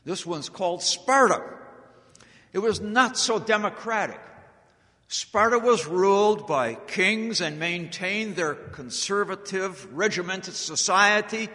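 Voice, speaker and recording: An American man telling history as a public speaker, deliberate and dramatic, with emphatic pauses. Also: high voice, expressive, pushed and bright. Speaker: speaker giving a historical talk to an audience. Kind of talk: public storytelling speech on history. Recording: echoey hall with long reverb.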